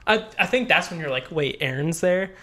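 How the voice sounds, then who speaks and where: A man's voice: on the high side, lively intonation, fairly quick, bright, forceful tone. A young man co-hosting a podcast, recalling a story in a laid-back way, full of "like" and light laughs. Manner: laid-back, lots of "like" fillers, laughs while talking. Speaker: podcast co-host. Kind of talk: casual storytelling chat.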